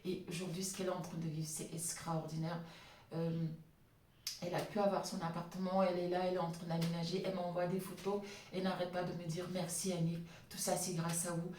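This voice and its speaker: A woman speaks in a fairly low voice with a slight lisp. She tells her story vlog-style, hesitating and repeating words. The microphone sounds distant, in a very echoey room. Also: little pitch movement, brisk, darkish tone, slight background noise. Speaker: vlogger, cleaning business entrepreneur. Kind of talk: personal storytelling monologue to camera.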